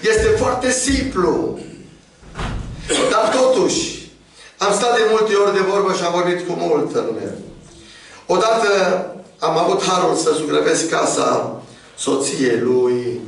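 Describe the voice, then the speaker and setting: A man preaching a sermon to a congregation, swinging from soft, low asides to high, impassioned calls. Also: expressive, gravelly, long pauses. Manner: addresses congregation as "dragii mei". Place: church hall. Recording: very echoey church hall from far off.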